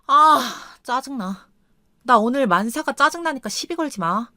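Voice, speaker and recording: A woman's voice: high voice, very animated, normal speed, a bit bright, no echo, clean studio sound, pitched above the performer's own voice. A woman voicing a petulant, spoiled young wife who talks in a whiny way.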